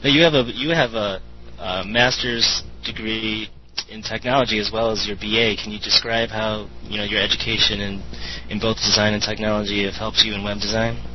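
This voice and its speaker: A man's voice: lowish voice, steady tone, brisk, a crowd in the background. A man hosting a podcast, asking interview questions with a hesitant delivery full of ums. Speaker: podcast host. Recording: dull lo-fi audio with faint clicks.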